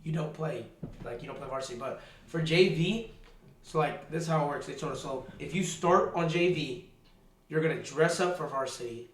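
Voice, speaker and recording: A man's voice: fairly high pitch, moderate pace, a bit bright, far from the mic. A teenage boy co-hosting a casual podcast, rambling with lots of fillers and saying "bro" often. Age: teens. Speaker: podcast co-host. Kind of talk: casual chat. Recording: roomy echo, off-mic.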